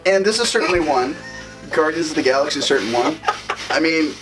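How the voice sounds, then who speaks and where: A man's voice: on the high side, expressive, fairly quick, over music, low-quality recording. A man giving an earnest, wordy opinion in a casual film review chat. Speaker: film review show co-host.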